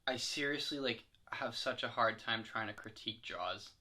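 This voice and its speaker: A man's voice: medium pitch, moderate pace, bright, forceful tone. A young man co-hosting a podcast, chatting casually in a rambling, hesitant way with lots of fillers. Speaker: podcast co-host. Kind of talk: casual chat.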